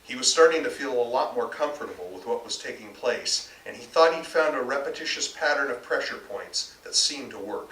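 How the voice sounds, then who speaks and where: At an indoor bookstore reading, an American author reads his novel aloud as live narration, in a mid-range, animated voice with a fairly bright tone, fairly quick and with few pauses. The roomy recording was made at a distance and carries faint noise.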